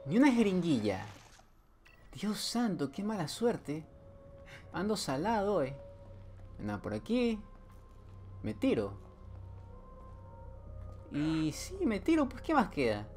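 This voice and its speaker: A man talks his way through a horror game, slow and unhurried, with a pitch that jumps around a lot. He jokes, scolds the game and yelps when startled. Faint music plays under his voice. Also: wildly swooping pitch, darkish tone. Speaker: gameplay streamer. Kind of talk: playthrough commentary.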